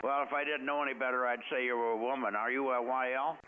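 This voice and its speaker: Over a thin, staticky ham radio signal, an American net operator trades casual, blunt, teasing banter on two-way radio. He talks at a quick pace in a mid-range voice with a level tone. The audio is narrow and tinny.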